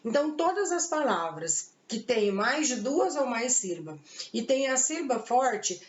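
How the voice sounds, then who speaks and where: A woman teacher with a Brazilian Portuguese accent giving a recorded grammar lesson, explaining patiently with rhetorical questions and diminutive words. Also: a little high. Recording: echoey, dull lo-fi room recording.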